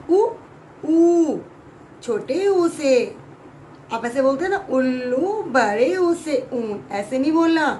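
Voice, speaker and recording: A woman teacher with a high voice explains a lesson to children at an unhurried pace. She draws out each sound and pauses often to check whether they follow. A faint hiss sits under the recording. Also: low-quality recording. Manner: drawn-out sounds, frequent check-in questions. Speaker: Hindi teacher. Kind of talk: slow, clear classroom explanation to children.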